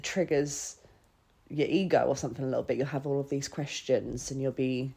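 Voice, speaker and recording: Her voice is extremely low-pitched, creaky, husky, and mellow, delivered at a moderate pace in a steady tone. A podcast host telling personal stories, she speaks casually and confessionally with swearing, self-quotes, and lots of "like."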